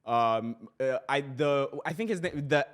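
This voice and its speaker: A man's voice: medium pitch, a little slow, smooth. A man chatting casually about politics as a co-host, slangy and rambling, often searching for his words.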